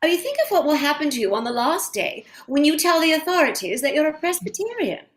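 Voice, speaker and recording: A woman's voice: sits high, very animated, quick pace. A woman playing a gushing, imperious society lady in a stage play reading, with an affected theatrical manner. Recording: echoey room.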